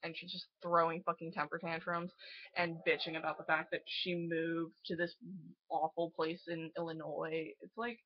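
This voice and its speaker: A woman's voice: low-pitched, level tone, moderate pace, highs cut off. A young woman in her late teens giving a casual, profane, exasperated movie review and laughing often.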